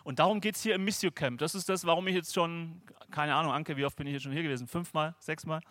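A middle-aged man preaching a sermon at a camp, lively, acting out inner voices and dialogue. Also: fairly high pitch, fast, no room sound.

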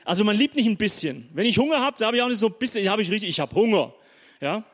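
A man preaching a sermon, telling Bible stories in a lively, chatty way and briefly acting out the people in them. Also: high-pitched. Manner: lively storytelling, acting out biblical figures in quick asides.

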